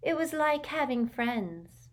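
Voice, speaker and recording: A woman's voice: mid-range voice, lively intonation, pitched above the performer's own voice. Luna, a woman doing a dreamy teenage witch. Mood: serene. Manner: serene, slow, candid.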